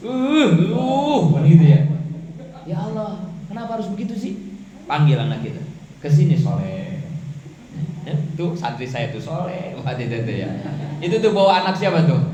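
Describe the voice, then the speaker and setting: Male preacher, slightly high and mellow voice, casual joking sermon style, echoey hall sound. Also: very animated, fast, slight background noise. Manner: chatty, joking, asks and answers his own questions. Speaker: ustadz preaching to women's study group.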